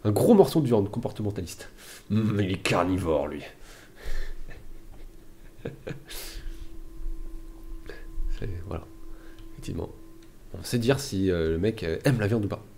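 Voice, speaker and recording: A man hosting a strategy-game let's play, thinking aloud in trailing mutters and soft asides. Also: on the low side, expressive, brisk, slight background noise. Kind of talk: gameplay commentary.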